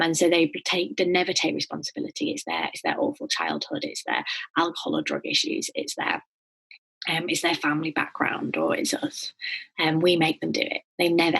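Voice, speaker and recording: A woman giving an earnest talk, often pausing with ums and restarting her sentences. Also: sits low, gravelly, fairly bright tone, husky, rough recording. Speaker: speaker on domestic abuse. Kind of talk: recorded talk.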